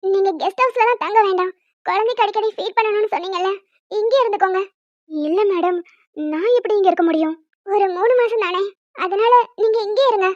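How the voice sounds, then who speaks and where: A woman voicing a calm, practical nurse and mother of two who gives steady advice in a small animated drama, recorded dry and a bit dull. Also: very high-pitched, fairly quick, no room sound. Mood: reassuring. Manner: reassuring, instructive.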